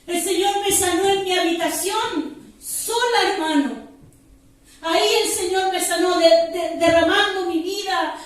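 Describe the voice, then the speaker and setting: A woman preaches with fervor at a house church service. She speaks in a very high voice, picked up from a distance in a strongly echoing room. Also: unhurried. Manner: fervent, repeatedly addresses listeners as "hermano". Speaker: preacher giving testimony. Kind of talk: sermon testimony. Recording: echoey room, voice from far off.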